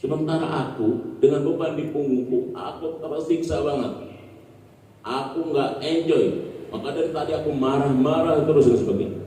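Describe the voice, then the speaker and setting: A preacher voicing a tired horse that complains about the burden on its back. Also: male voice, on the high side, moderate pace, dark tone, natural voice. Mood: complaining. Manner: plaintive, complaining. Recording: echoey hall, distant mic.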